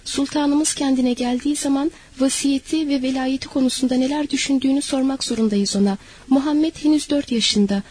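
A woman's voice: high-pitched, fairly even intonation, fairly quick, a little mellow, lightly acted. A woman reading a stern, commanding emir. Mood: urgent, commanding. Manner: curt, commanding. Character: stern male emir, a scheming court commander.

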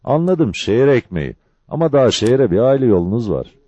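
A man voicing a tall, hearty old wayfarer with a booming, hammering voice, in a dull lo-fi recording. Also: very animated, a little fast, dark tone, breathy edge, no echo. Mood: coaxing. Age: older.

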